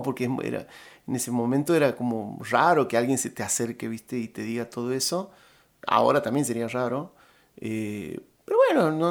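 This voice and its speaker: A middle-aged Argentine man spins a long personal story in a relaxed, rambling way. His voice has a gravelly, creaky edge, and he stumbles through plenty of fillers and restarts. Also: mid-range voice. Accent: Argentine Spanish. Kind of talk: casual storytelling.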